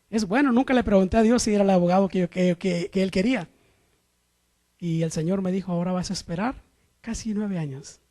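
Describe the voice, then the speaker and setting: Man, high voice, preacher, sermon, rhetorical questions, loud emphasis then quiet asides. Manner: shifts between loud emphatic lines and quiet low asides.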